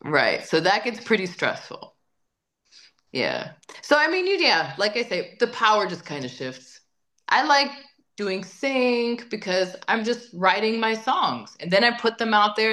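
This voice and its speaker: A woman with a medium-pitched, slightly bright voice is being interviewed as a singer-songwriter. Her talk is casual and conversational, chatty and emphatic, and she often repeats words while thinking.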